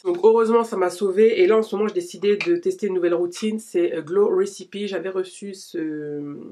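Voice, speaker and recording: A beauty vlogger in her late thirties chats casually at home while doing her skincare, filmed in natural daylight. Her voice is lowish and slightly rough, and her talk rambles and is full of slang.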